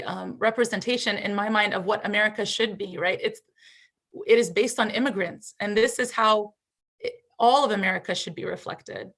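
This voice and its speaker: A woman's voice: mid-range voice, a bit bright, low-quality recording. A woman who volunteers in refugee aid, speaking earnestly on a panel with many fillers. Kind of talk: panel talk.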